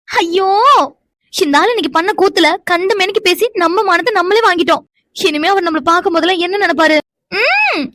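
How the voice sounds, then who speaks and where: A woman's voice: extremely high pitch, a bit bright, dry recording, studio quality. A woman voicing a shy, flustered young cartoon wife. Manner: fretful, exclamatory, stammers when shy. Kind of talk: animated cartoon voice acting.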